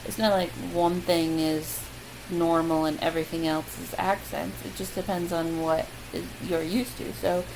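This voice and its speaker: A fairly low-pitched woman's voice, a little slow, belongs to a young Midwestern vlogger chatting through a word list. Ums and self-deprecating asides come often, and a loud steady hiss sits beneath everything.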